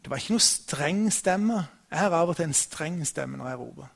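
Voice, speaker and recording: A middle-aged man preaching a sermon, telling a personal story in a relaxed, conversational way with frequent restarts. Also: fairly high pitch, gravelly, slightly rough. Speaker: pastor.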